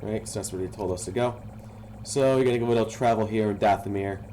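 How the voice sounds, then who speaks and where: A man casually narrating a game walkthrough, explaining each step to viewers in a relaxed, instructive way. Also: lowish voice, fast talker, a little hiss or hum. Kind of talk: casual gameplay tutorial narration.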